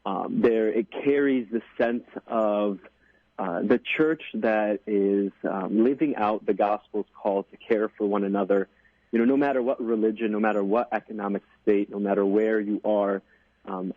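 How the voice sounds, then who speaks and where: A man's voice: on the low side, no room sound. A young American man in his twenties, a deacon being interviewed, speaking earnestly with many fillers and restarts. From United States. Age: 20s. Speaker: deacon, guest. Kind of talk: interview on radio. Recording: dry tinny phone line.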